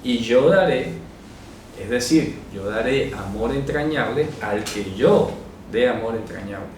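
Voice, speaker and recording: A man teaching a Bible study, slowly spelling out Hebrew phrases and often checking that listeners follow. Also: mid-range voice, animated. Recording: echoey room, mic far off, faint noise.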